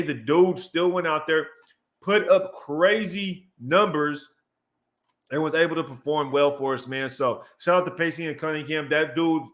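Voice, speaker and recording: Excited man breaking down game film. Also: fairly high pitch. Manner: reads out chat messages and gives shout-outs. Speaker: show host. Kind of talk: casual livestream commentary.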